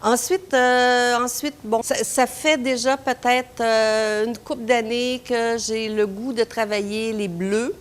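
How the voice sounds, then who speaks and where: Slow, hesitant Québécois woman. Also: on the high side, steady tone. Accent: Québécois French. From Quebec, Canada. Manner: hesitant, many "euh" fillers and restarts. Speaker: painter. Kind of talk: interview, personal recollection.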